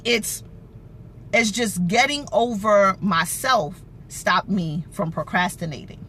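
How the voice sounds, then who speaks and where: Female motivational livestreamer, higher-pitched and forceful, emphatic repetition, noisy rumbling livestream audio. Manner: emphatic, repeats phrases for effect. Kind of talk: informal motivational talk to live viewers.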